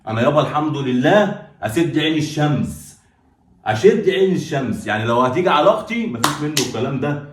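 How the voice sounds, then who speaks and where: A man as a lecturing Egyptian older brother, rapid and insistent, roomy sound. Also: fairly high pitch, expressive, slight background noise, lightly acted. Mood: stern. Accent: Egyptian Arabic. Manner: lecturing, insistent, repeats "tamam?". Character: stern older brother defending his sister. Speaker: actor in a skit. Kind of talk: sketch acting.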